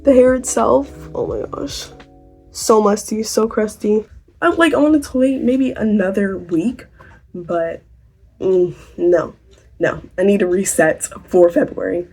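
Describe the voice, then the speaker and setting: A woman's voice: mid-range voice, fairly even intonation, measured pace, dark tone, husky, faint music behind. Chatty teen girl vlogging at home. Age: teens. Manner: chatty, giggly, talks to viewers directly. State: sore throat, tired. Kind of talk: casual vlog chat.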